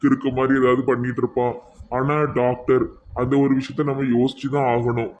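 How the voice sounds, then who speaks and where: A man's voice: mid-range voice, level tone, a little fast, darkish tone, dull audio, a little hiss or hum, lightly acted. A man playing a grieving, stern middle-aged widowed father with a Tirunelveli Tamil accent, speaking earnestly. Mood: sad.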